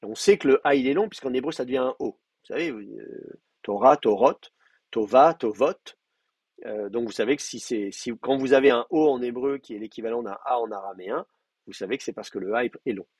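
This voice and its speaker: A man lecturing a class, explaining grammar step by step and slowly repeating word forms, with many hesitations. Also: mid-range voice, darkish tone, slightly rough, no room sound. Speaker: teacher. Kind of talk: university lecture.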